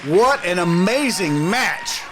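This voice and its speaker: A man doing excited, dramatic wrestling commentary as the lead announcer, emphatic and fond of rhetorical questions. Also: high-pitched, takes it slowly, a crowd in the background, background noise.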